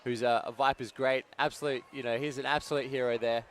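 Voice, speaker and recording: A man's voice: mid-range voice, fairly even intonation, quick pace, a bit bright, slight background noise. A man speaking as co-commentator and league representative, earnest and enthusiastic about the players. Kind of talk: sports commentary. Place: outdoor sports ground.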